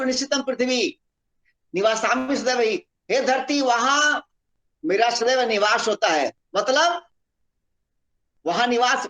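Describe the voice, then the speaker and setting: A man's voice: very high-pitched, fairly bright tone, lo-fi sound. A man giving a spiritual discourse as a scripture study teacher, reciting Sanskrit verses and explaining by repeating phrases, heard over a video call.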